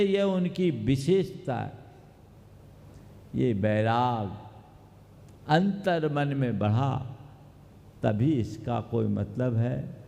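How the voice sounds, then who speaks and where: A man, a Jain monk, preaching a sermon in a measured, emphatic way, quoting scripture. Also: mid-range voice, creaky, a little mellow. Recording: long hall reverb.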